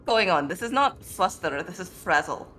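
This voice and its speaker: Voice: medium pitch, lively intonation, normal speed, bright, forceful tone, slight background noise. A player voicing a frazzled, defensive woman who sounds flustered and caught off guard.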